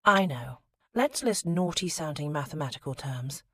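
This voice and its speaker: A bright-minded young bluestocking, as a woman narrator reads her, eager and playful. The voice sits low for a woman and sounds dry and close. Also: animated, normal speed, breathy edge, no room sound, full character voice. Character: bookish clever young woman, eager and fond.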